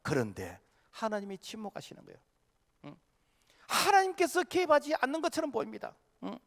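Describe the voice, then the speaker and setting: High, animated man preaching in a reverberant hall. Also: fairly quick. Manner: impassioned preaching with many filler "uh"s, swinging from loud to hushed. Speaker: senior pastor. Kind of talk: sermon. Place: church sanctuary. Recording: long hall reverb of a church sanctuary.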